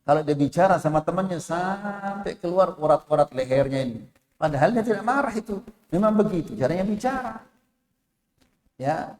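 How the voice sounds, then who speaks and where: A man's voice: high voice, lively intonation, normal speed, darkish tone. A man with an Indonesian accent preaching a sermon in a mosque, telling a story and quoting Arabic, raising his voice when he speaks the figures' lines. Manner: storytelling with Arabic quotations, voicing the figures in a raised voice. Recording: echoey mosque hall.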